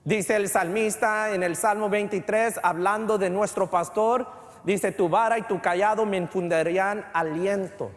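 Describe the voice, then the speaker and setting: Fervent high-voiced pastor in reverberant church. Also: male voice, steady tone, moderate pace. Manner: mixes English phrases into Spanish; repeats words, builds to fervent emphasis. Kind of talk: bilingual church sermon. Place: church sanctuary.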